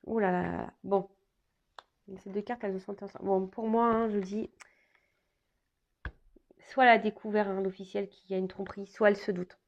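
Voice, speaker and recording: A woman's voice: mid-range voice, flat delivery, fairly quick, pauses often, muffled recording. A woman doing a casual tarot reading for her viewers, talking hesitantly with many fillers and restarts. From France. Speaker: tarot reader.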